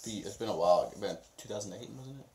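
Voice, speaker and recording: Halting young man in a roomy room. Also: fairly low pitch, animated, warm tone, slight background noise. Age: 20s. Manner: halting, hesitant, often correcting himself. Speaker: husband being interviewed. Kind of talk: casual home interview. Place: home at night.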